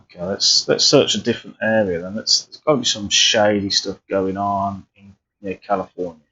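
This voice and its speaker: Chatty guy streaming a flight sim, husky voice, kinda muffled lo-fi audio. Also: on the low side, steady tone, normal speed, pushed and bright. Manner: chatty, rambling, many restarts. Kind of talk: live flight sim commentary.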